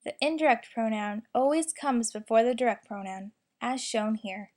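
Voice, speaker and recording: A young woman slowly and carefully reading out a lesson, explaining grammar and its examples. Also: a little high, a little mellow. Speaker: student presenter. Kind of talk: instructional narration.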